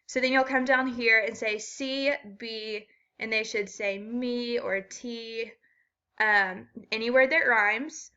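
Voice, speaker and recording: A woman's voice: on the high side, steady tone, slow pace, bright, forceful tone, smooth, muffled recording. A woman walking through a children's reading assessment step by step, with frequent ums. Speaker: student teacher explaining an assessment.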